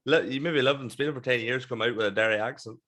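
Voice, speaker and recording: A young man with a Northern Irish accent and a mid-pitched voice hosts a casual interview. He talks informally, swearing freely, close to a desk mic. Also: quick pace, a bit bright. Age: young adult. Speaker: podcast host. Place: small room at home, on a video call. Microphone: close desk microphone with headset.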